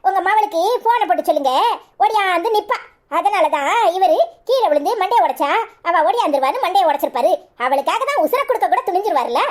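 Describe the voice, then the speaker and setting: A woman voicing a defiant, sharp-tongued young wife in a cartoon, with a Tirunelveli Tamil accent and quick mocking retorts. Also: very high voice, animated.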